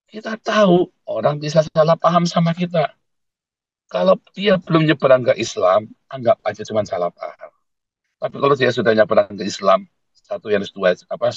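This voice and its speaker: Male pastor, mid-pitched, emphatic sermon delivery, loud peaks and quiet asides, dull dry recording. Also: no room sound. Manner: blunt, emphatic preaching with sudden loud peaks and dropped asides; keeps calling listeners "saudara".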